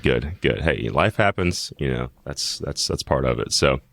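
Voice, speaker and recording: A man's voice: very deep voice, expressive, unhurried, gravelly, fairly bright tone, dry recording. A man co-hosting a podcast, chatting casually and in a friendly way with his co-host. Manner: friendly, chatty, many fillers.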